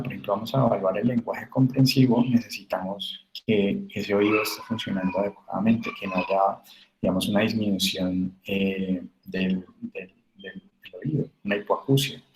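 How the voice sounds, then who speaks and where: A university lecturer with a lowish, darkish voice gives a recorded class lecture, explaining things patiently with frequent tag questions and fillers. The room is echoey, with faint noise in the background.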